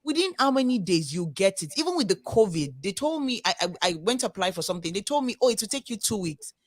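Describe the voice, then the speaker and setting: A woman's voice: medium pitch, quick pace, no echo. Earnest Nigerian woman, dry close sound. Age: young adult. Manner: earnest, animated, emphatic, repeats words. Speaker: discussion host. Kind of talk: casual roundtable discussion.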